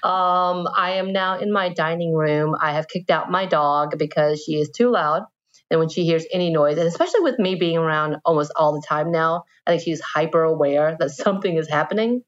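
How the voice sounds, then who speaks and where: Low-voiced woman chatting, slightly dull recording. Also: a little fast. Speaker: podcast co-host. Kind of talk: casual chat. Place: dining room at home. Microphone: home microphone and headset over an internet call. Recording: slightly dull home internet-call recording.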